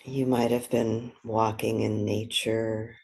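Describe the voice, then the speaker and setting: Gentle and unhurried, a meditation guide talks in short phrases with long silences between them. The voice is soft and breathy, medium in pitch, and holds a level tone.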